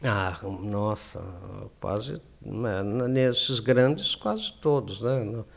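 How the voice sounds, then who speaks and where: A man's voice: medium pitch, lively intonation, very slow, gravelly. A Brazilian man speaking Brazilian Portuguese as an interview guest, rambling and often ending with tag questions. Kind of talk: casual interview chat.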